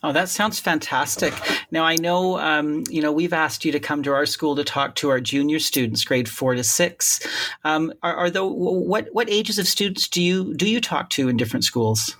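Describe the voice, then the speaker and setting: A man speaking as a school principal and host, giving earnest, welcoming morning announcements and interview questions in a halting way with frequent ums. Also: on the high side, fairly bright tone, a little hiss or hum.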